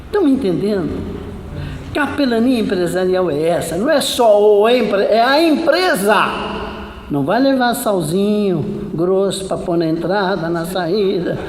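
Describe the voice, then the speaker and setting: A man's voice: high-pitched, a little slow, reverberant, in a large hall, a little hiss or hum, poor audio. A man with a Brazilian Portuguese accent, a pastor preaching a sermon and acting out stories with dialogue. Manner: animated storytelling, acting out dialogue.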